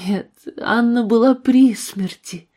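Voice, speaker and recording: A woman's voice: fairly high pitch, slow, mellow, pitched above the performer's own voice. A woman reading the part of a devout, earnest mother in a storybook reading. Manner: earnest, pleading. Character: devout mother, firm yet loving.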